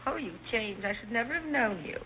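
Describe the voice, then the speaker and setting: A woman's voice: on the high side, expressive, brisk, a little hiss or hum, lightly acted. An actress playing a dazed, childlike society lady, plaintive and wandering through dreamy 1930s screwball comedy banter. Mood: fluttery, dreamy. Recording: thin tinny old film soundtrack, music behind.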